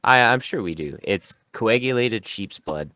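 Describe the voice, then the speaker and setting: A man's voice: lowish voice, lively intonation, unhurried, pushed and bright. A man hosting a casual podcast, chatting and laughing easily, recorded on a headset at home. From of Irish descent, raised partly in Ireland. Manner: chatty, storytelling, laughs often. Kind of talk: casual gaming podcast chat. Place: at home, child nearby.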